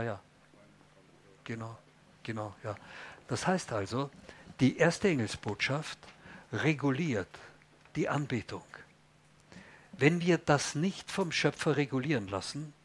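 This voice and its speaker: A man's voice: medium pitch, slight background noise. A man preaching a sermon in an emphatic way, often putting questions to the congregation.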